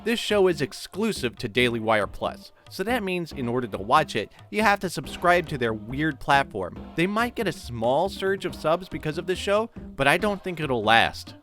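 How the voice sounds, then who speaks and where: A man talks through a sarcastic opinion commentary with a fairly high voice. His pitch rises and falls a lot, and faint music plays behind him. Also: a bit bright. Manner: sarcastic and critical. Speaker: video commentator.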